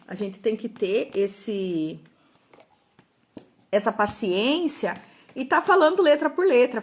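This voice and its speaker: Middle-aged Brazilian woman teacher with a slightly high voice. Gives patient, informal step-by-step explanations and sounds out syllables. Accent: Brazilian Portuguese. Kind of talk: informal talk on teaching children to read.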